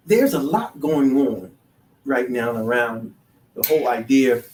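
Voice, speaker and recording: A man hosting a solo talk show, halting with many restarts, then building to emphatic, sermon-like declarations. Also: medium pitch, darkish tone, slight background noise. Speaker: podcast host. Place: DC, Maryland, Virginia area. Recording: echoey room, voice far from the mic.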